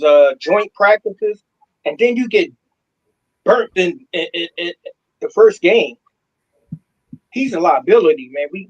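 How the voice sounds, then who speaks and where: A man's voice: high voice, breathy edge, highs cut off. A man co-hosting a casual sports podcast, fired up and slangy, repeating himself as he makes his point. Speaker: podcast co-host.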